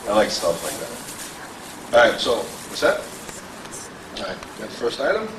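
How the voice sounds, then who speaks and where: A man's voice: fairly low pitch, huge pitch swings. A middle-aged man calling bids as an auctioneer at a convention, joking with the crowd and rattling off prices. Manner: joking, self-deprecating banter with the crowd; rapid bid calling. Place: large convention hall with a crowd. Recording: echoey hall, voice from far off, faint noise.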